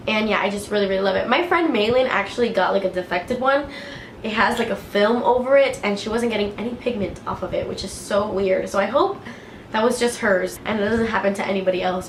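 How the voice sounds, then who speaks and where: Stuffed up with a cold, a woman who makes beauty videos talks in a relaxed way about products she enjoys, filling her speech with fillers. Her voice is mid-range, and the audio carries room echo, faint ambient sound, and slight hiss or hum.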